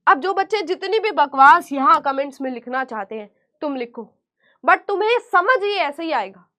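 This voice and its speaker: A woman teacher giving an online class lecture, speaking slowly and deliberately, asking questions and answering them herself in a coaxing way. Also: high-pitched, animated, sharp tone.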